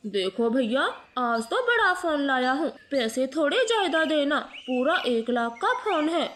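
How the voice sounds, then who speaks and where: A woman voicing a boastful thieving male crow in a cartoon, lowering her voice into a brash, bragging tone. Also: very animated, measured pace, a bit bright, full character voice. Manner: cocky, then pleading.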